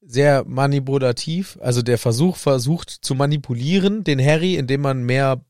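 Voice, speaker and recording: A man co-hosting a casual podcast about a book, telling stories and jumping into high mock voices when he quotes characters. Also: moderate pace, a little mellow, dry recording, clean studio sound. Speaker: podcast co-host.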